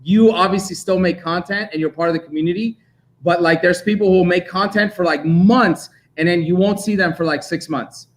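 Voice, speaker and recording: A young man from Armenia, raised in Los Angeles, talking casually about his collecting as a guest. His voice sits a little high, and he rambles on freely with easy laughs. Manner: talkative, quick to laugh. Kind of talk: casual chat.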